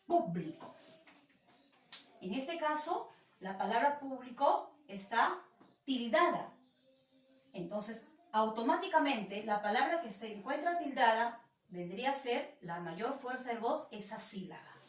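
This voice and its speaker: A fairly high-voiced woman teaching with a Peruvian Spanish accent. She explains patiently and says each example word slowly and clearly. Her voice sounds echoey and set back from the mic. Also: expressive. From Peru. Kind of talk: online class lesson. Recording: echoey room, voice from a distance.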